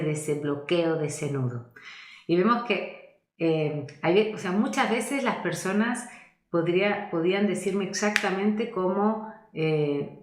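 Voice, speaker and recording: Voice coach lady, lowish voice, reflective, kinda echoey room. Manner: thoughtful, searching for words, gentle invitations to the listener. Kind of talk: reflective teaching talk.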